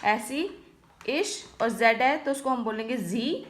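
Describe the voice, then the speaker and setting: Female tutor, high bright voice, slow patient delivery, faint background hum. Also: lively intonation. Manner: patient, repeats "ठीक है guys" often. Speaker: stenography teacher. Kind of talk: video lesson explaining strokes.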